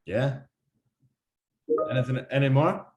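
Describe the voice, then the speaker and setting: A young Irish man giving a loose, conversational workshop talk, full of ums and quick restarts. His voice sits at an ordinary middle pitch. The room around him rings with a noticeable echo. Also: over music. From Ireland. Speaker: workshop speaker. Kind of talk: casual presentation on a video call.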